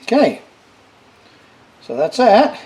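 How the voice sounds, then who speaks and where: A middle-aged man giving a casual hands-on tutorial as he works, halting and unhurried, in a workshop with rain on a tin roof. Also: very high-pitched, sing-song, a little mellow. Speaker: repair demonstrator. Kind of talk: hands-on tutorial, casual talk while working. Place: workshop with metal roof, indoors. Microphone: camera over the workbench. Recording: noisy shop, rain on metal roof. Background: rain drumming on tin roof.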